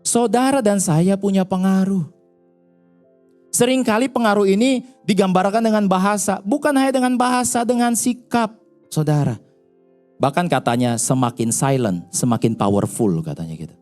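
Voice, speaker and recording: A man's voice: high-pitched, normal speed, darkish tone, soft background music. A male pastor preaching a sermon in a chatty storytelling way, often turning to speak straight to the congregation.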